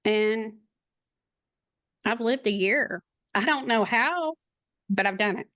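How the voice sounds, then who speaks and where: A middle-aged woman, a podcast guest, speaking in a slow, halting, emotional way, near tears at times. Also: on the high side, expressive, a bit bright, no room sound, dull audio. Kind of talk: podcast interview.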